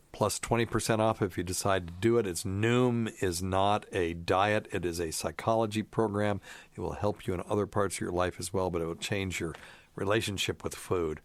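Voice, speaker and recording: A man's voice: low-pitched, no room sound. A middle-aged man hosting a medical call-in podcast, reading ads in a rambling, joking way full of fillers. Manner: rambling, jokey, many fillers. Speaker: podcast host, doctor. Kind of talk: casual chat and ad reads.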